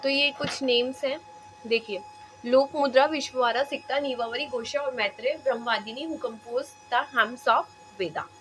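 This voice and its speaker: High-pitched lady teacher drilling facts, repeats everything, keeps asking "right?", mixes in english words. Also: steady tone, measured pace, fairly bright tone, a little hiss or hum. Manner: repetitive, checks in with "है ना"; mixes English terms into Hindi. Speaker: exam-prep teacher. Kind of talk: classroom lecture.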